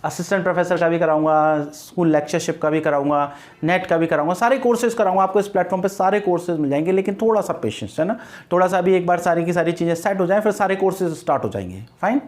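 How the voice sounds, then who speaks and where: Male online grammar teacher, high-pitched, patient and reassuring, spells words aloud. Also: fast talker, darkish tone. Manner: mixes English terms into his talk.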